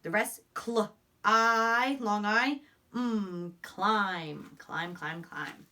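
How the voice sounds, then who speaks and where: An elementary school teacher, a woman, leads young children through a phonics lesson and read-aloud, encouraging them while enunciating deliberately and repeating words. Her voice is medium in pitch, pushed and bright, and it's captured by a distant microphone.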